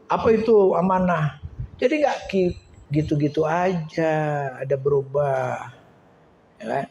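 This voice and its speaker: A middle-aged man with a Betawi Jakarta accent preaching a lively sermon, joking and acting out the voices in his stories. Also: on the high side, unhurried, vocal fry. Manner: animated storyteller acting out quoted voices, joking. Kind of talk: lively sermon with acted anecdotes. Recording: echoey room with faint noise.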